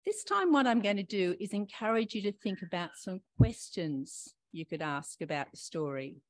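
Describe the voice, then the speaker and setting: Older lady giving a sermon, asks the congregation lots of questions, mid-pitched voice, dry close sound. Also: lively intonation, moderate pace, no echo. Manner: warm questioning, talks to listeners directly. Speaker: preacher. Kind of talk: gentle reflective sermon.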